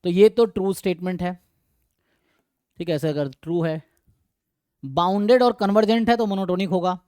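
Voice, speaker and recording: A male math teacher with an Indian accent gives a live online lecture, explaining each step and asking his students questions. His voice sits high and comes through smooth and clear. The recording is dry and close, with no room echo. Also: moderate pace, dark tone.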